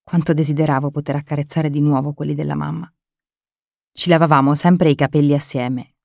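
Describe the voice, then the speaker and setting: Calm woman reading an audiobook. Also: deep voice, dry recording, clean studio sound. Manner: calm, measured, quiet. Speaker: audiobook narrator. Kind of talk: scripted first-person narration.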